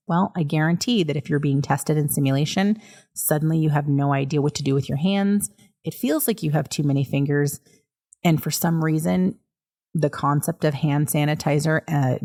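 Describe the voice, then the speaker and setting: A woman's voice: sits low, gravelly, dark tone. A woman in her thirties, a podcast host and nurse educator, chatting through an amused story with plenty of fillers. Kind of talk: casual storytelling.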